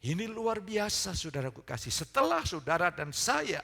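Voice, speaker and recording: A man preaching a sermon as pastor, moving from quiet storytelling to loud, fervent preaching. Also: high voice, big pitch swings, normal speed, vocal fry.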